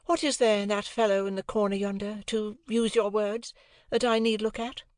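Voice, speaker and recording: A proud, aloof young woman who answers with cool, lofty detachment, her voice pitched well up. A man reads her part in an audiobook. The recording is dry and close. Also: flat delivery, moderate pace, dry recording, close to an everyday voice.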